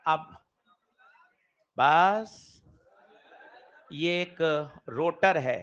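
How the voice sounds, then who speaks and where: A man teaching a physics class, lively and quizzing his students directly. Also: fairly high pitch, extremely slow. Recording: dull lo-fi classroom recording.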